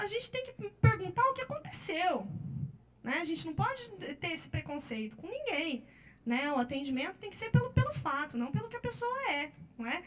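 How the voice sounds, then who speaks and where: A Brazilian Portuguese-speaking woman, a public defender, giving a workshop lecture with slides and telling cases in a lively way, often ending with "né?". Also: extremely high pitch. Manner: lively storytelling with frequent "né?" tag questions.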